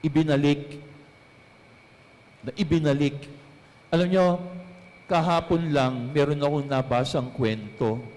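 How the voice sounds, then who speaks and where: A man's voice: on the high side, steady tone, unhurried, long pauses, darkish tone. Man preaching in a reverberant church. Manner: storytelling preacher, mixing in English phrases, asks the congregation questions. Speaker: priest. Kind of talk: homily at Mass.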